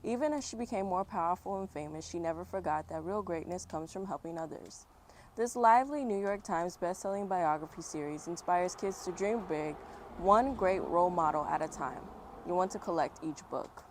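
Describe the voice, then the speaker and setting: Recorded outdoors on an autumn day, with traffic and outdoor ambience audible, a woman reads a children's picture book aloud. She speaks at normal speed in a fairly low pitch, tossing in chatty, encouraging asides to young viewers.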